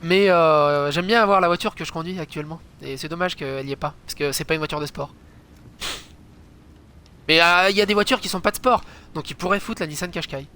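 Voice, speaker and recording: A man giving chatty let's play commentary, swearing a lot and breaking into loud exclamations. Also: on the high side, fairly quick, clean tone. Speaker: gaming channel host.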